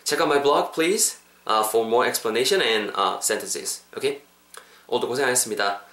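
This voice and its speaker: A man's voice: medium pitch, animated, takes it slowly, sharp tone, reverberant. A Korean-speaking man hosting a casual English lesson podcast, stretching out his English example phrases. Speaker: English teacher and podcast host.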